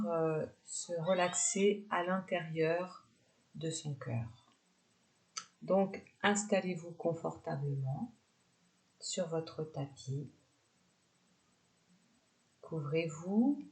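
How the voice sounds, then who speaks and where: A woman guides a yoga nidra relaxation, her fairly low voice giving soft, unhurried instructions with pauses between phrases.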